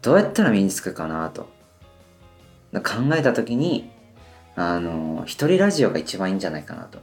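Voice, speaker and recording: A man in his twenties talks alone as if hosting his own radio show, rambling and hesitant, with constant fillers. His voice sits low, though he keeps straining to lift it higher than usual. Soft music plays faintly underneath. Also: very animated, moderate pace. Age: 20s. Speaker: band member hosting a solo radio talk. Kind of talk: casual solo radio monologue.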